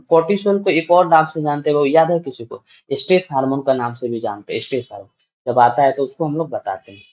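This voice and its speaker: A man's voice: a little high, darkish tone, lo-fi sound. Man repeating terms in a lecture. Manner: repetitive, quizzing students and answering himself. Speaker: nursing teacher. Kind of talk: classroom lecture.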